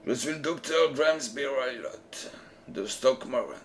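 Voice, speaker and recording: A man voicing a brutal, furious old country doctor in an audiobook, threatening and shouting. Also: medium pitch, animated, slow, a little hiss or hum. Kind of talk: audiobook character reading.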